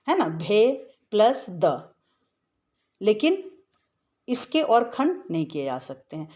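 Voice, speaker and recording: A woman's voice: mid-range voice, a little mellow. A woman teaching a grammar lesson, explaining step by step in a patient way and often checking that her listeners follow.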